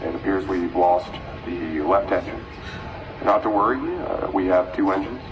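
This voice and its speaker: A man playing an airline captain making an announcement from the cockpit to the cabin, calm and deadpan. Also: sits low, normal speed, muffled recording, background noise. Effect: captain's announcement from the cockpit, distant like a cabin PA.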